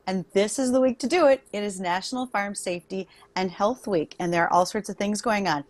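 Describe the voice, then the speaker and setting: A woman's voice: mid-range voice, brisk, no echo. A woman co-hosting a farm radio show in a casual, playful, chatty way.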